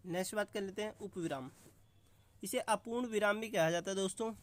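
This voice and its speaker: A man's voice: high-pitched, brisk. A man teaching an online exam-prep lesson, calling his viewers friends and explaining with examples.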